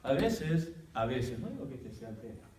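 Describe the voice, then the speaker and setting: A man, a pastor, teaching a church workshop like a sermon, telling his story dramatically with sudden loud, high bursts. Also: big pitch swings, moderate pace, slight background noise. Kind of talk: preaching-style teaching. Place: church hall. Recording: very echoey hall, voice from far off the mic.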